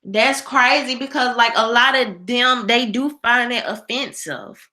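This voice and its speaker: Her voice sits a little high and sounds sharp, and she talks a little slowly. As host of a casual live stream, the American woman answers viewer comments in an emphatic, opinionated, colloquial style.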